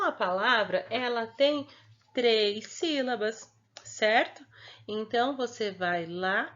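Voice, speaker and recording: Patient Brazilian teacher, sing-song and high. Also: female voice, fairly bright tone. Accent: Brazilian Portuguese. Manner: patient, slow and sing-song, checking in often with "certo?". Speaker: primary school teacher. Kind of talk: remote lesson explaining homework to young children. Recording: dull lo-fi home recording.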